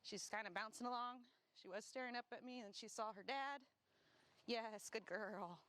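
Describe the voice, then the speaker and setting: A woman dog trainer talking casually as she walks outdoors, explaining each step and breaking off to give quick praise and corrections. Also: a little high, sharp tone, clear, resonant tone. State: slightly winded from walking. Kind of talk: casual instructional talk while walking a dog. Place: outdoors on grass.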